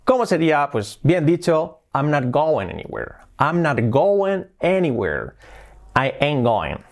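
Lively teacher explaining English slang. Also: male voice, fairly high pitch, slow pace. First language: Spanish. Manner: lively, emphatic, repeats words and example phrases. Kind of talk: online video lesson.

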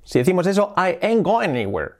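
A man teaching English in an online video lesson, talking lively and emphatically and repeating words and example phrases. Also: sits high, brisk. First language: Spanish.

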